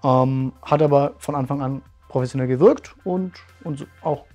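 This thirty-something man runs a martial arts school and talks through his story in a testimonial interview, earnest and reflective, with frequent fillers. His medium-pitched voice is mellow at a normal speed, backed by soft music, in a bright indoor room with curtains.

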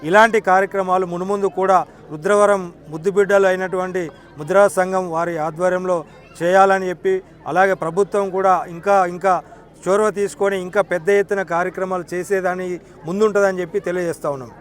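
A man's voice: high voice, fairly even intonation, a little fast. A man giving a formal statement to the press at an outdoor event, in long, flowing sentences. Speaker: local community speaker.

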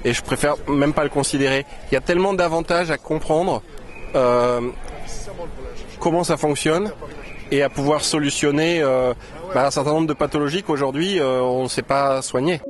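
A middle-aged man giving a measured, reasoned answer in a street vox pop, speaking into a handheld mic in a city square. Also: on the high side. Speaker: street interviewee. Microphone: handheld interviewer mic.

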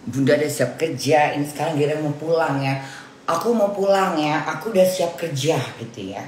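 A woman's voice: low voice, brisk, darkish tone. A woman from Indonesia casually telling a story on her vlog, talking chattily with lots of repetition and acted-out dialogue. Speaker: vlogger. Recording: roomy echo with faint ambient noise.

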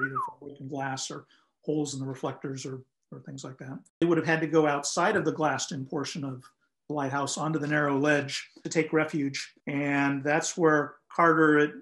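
Older male historian guest, slightly high voice, measured storytelling with fillers, video-call sound. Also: a bit bright. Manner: measured, explanatory, frequent "um" and "uh". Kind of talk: conversational historical account. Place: home room, indoors.

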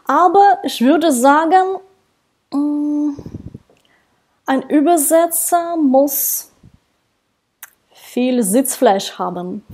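A non-native German speaker in her thirties, a translator and interpreter, talks alone to the camera about her career. Her voice sits high, and her speech is slow and careful, with many little pauses, ums, and soft laughs. She is indoors in a small room with a dark backdrop, recorded on a wired earphone mic.

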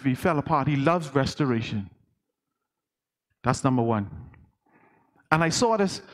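An elder with a Bahamian accent and a slightly high voice preaches a conversational sermon. He asks the congregation questions as he goes.

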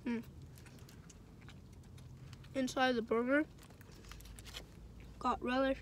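A woman food vlogger talking slowly through a mouth full of burger, humming contentedly as she tastes. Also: high-pitched, little pitch movement, a little hiss or hum. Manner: slow, savoring, with contented hums. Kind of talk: casual food tasting vlog.

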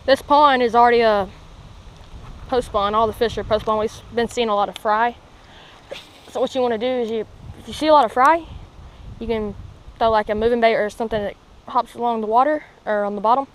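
A young man giving excited, rambling commentary outdoors by a pond, full of fillers and restarts. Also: very high voice, a little fast, pauses often, poor audio. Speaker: fishing vlogger.

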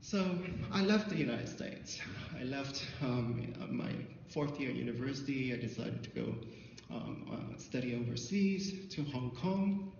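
A middle-aged Thai man, an artist presenter, tells personal stories in a symposium talk in a dim hall with a projector screen, speaking into a handheld mic while being filmed from far back. His mid-range voice is darkish in tone with lively intonation, but he's halting, full of fillers and restarts. The recording is roomy with a long reverb tail, dull and muffled, with faint hiss underneath.

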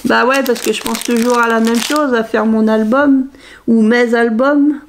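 A middle-aged woman talks through her craft haul in a rambling, self-mocking way, and her voice sits a little high. A faint hiss runs under the recording, with plastic bags crinkling now and then. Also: fairly even intonation, measured pace. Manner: chatty, rambling, self-mocking, laughs at herself. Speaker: crafts vlogger showing a shopping haul. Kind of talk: casual haul chat.

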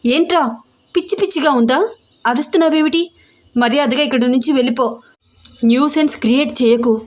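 A woman's voice: high voice, moderate pace, pitched above the performer's own voice, close to an everyday voice. A woman voicing a hurt, angry young woman who scolds the man she loves, in an audio story reading. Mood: scolding. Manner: scolding, sharp.

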